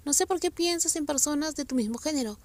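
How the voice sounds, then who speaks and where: Cold tired director guy, a girl reading him in a high voice, curt and stern, storybook read-aloud. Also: fast, a little mellow, natural voice. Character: cold, weary male film director.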